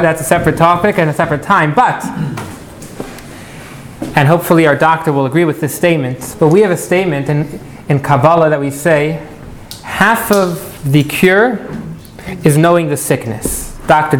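Higher-pitched man teaching a class, noisy recording. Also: normal speed. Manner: asks questions, polls the room, repeats key points. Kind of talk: teacher to class, interactive lecture with questions to students.

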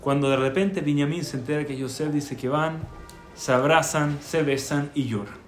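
Animated man teaching Torah, echoey room. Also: fairly high pitch, moderate pace, faint music behind. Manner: animated storyteller, asks rhetorical questions. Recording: echoey room with faint background noise.

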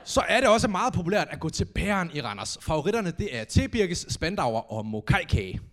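A young man performing a stand-up comedy set on stage, telling stories animatedly and acting out quotes with sudden shouts. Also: a little high. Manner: animated storytelling, acts out quotes with big shouts. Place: comedy stage before a live audience.

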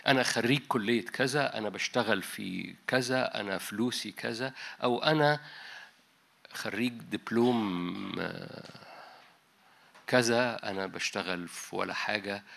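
A man's voice: lowish voice, gravelly, a bit bright. A man preaching a sermon in an Egyptian Arabic accent, talking conversationally and dropping in English words. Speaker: pastor. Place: large conference hall.

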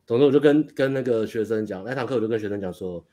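Fast-talking low-voiced man. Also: warm tone. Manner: rapid, rambling retelling with frequent restarts and laughs. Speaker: dating coach. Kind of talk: casual storytelling chat.

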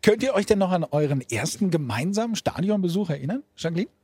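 Male interviewer, husky, higher voice, dry sound, friendly questions. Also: lively intonation, fast, darkish tone, no room sound. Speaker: interviewer, reporter.

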